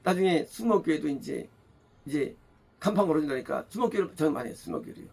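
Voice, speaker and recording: A man's voice: on the high side, expressive, fast, vocal fry, a little mellow. A man preaching a sermon as pastor, pressing his points by repeating phrases and asking rhetorical questions. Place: church.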